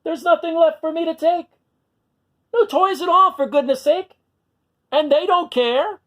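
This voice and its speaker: Man putting on a high, whiny young dinosaur. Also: unhurried, bright, forceful tone, full character voice. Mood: upset, whiny. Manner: emotional, pleading and exclaiming. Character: bossy young male dinosaur, whiny, craving friends.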